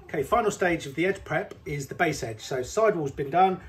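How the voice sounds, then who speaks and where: A middle-aged British ski technician walks through a hands-on repair in a small workshop, speaking a little high and fairly quickly. His manner is practical and relaxed, with some fillers.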